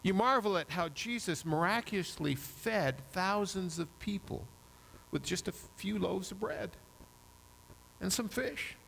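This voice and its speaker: A man's voice: high voice, expressive, a little slow, vocal fry, fairly bright tone, a little hiss or hum, poor audio. A man preaching a sermon, retelling a Bible story vividly in the second person.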